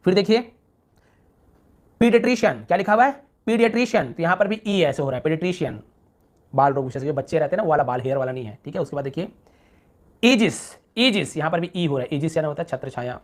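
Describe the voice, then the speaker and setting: Fast-talking man teaching pronunciation. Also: a little high. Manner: repeats example words slowly and stretched; asks the viewer rhetorical checks. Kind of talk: Hindi-language pronunciation lesson.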